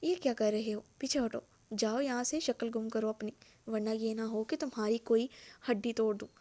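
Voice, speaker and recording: A woman's voice: steady tone, close to an everyday voice. Woman doing a furious arrogant young man. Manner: shouting threats, rising pitch on insults.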